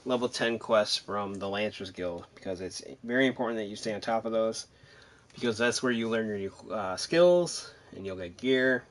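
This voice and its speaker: A gamer with a fairly low-pitched voice narrates his own video game playthrough at a moderate pace. His commentary is casual and rambling as he thinks aloud along the way.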